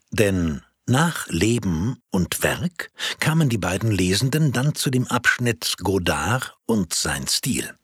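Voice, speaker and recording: A man reading his own story aloud in a playful, expressive way. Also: on the low side, husky, no room sound, studio quality. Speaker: narrator.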